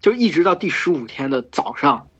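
A hoarse man hosting a podcast, retelling an epic in casual chat, full of fillers and restarts. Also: fairly high pitch, big pitch swings, brisk, fairly bright tone. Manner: rambling with many fillers and restarts. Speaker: podcast host retelling myths. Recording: dull lo-fi podcast recording with faint music.

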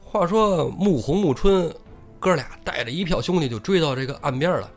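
Lively, animated male storyteller. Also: on the high side, moderate pace, soft background music. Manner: lively, colloquial, swearing casually. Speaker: podcast host, storyteller. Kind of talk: comic storytelling podcast.

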